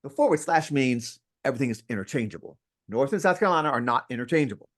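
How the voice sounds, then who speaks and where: A man who teaches real estate, talking in an interview with a lively, playful, emphatic manner from his home. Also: mid-range voice, fast. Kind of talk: interview conversation. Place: at home near an outdoor deck.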